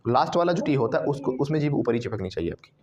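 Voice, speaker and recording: A man with an Indian accent teaching a spoken English class, animated, drilling his students with call-and-response repetition. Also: medium pitch, fast, crowd noise. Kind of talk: classroom lesson.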